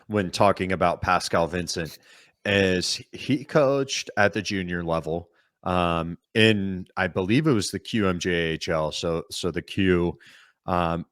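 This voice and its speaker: A man talks hockey on a podcast in an easy, conversational way, laying out his points at length. His voice sits a little low. The sound is close and dry, with no room around it. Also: no room sound. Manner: calm, talkative, explains at length. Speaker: podcast co-host. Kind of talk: casual sports chat.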